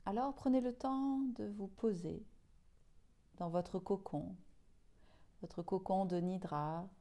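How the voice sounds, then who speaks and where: In a mid-range voice, a woman guides a yoga nidra meditation. She speaks softly and slowly, soothing the listener and leaving long pauses.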